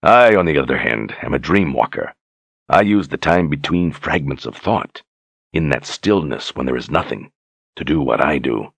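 A man voicing a menacing, brutish male tyrant with a deep, grating voice, taunting his captives slowly and with mocking calm. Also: vocal fry, slightly rough, no room sound, exaggerated voice. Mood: mocking menace. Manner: mocking, taunting, slow and deliberate.

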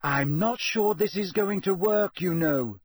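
A sensible teenage schoolgirl warns her friends in a careful, earnest voice, as a man voices her. The voice is pitched well above the reader's own and has a husky grain. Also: unhurried, dry recording, studio quality. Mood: warning. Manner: cautious, earnest.

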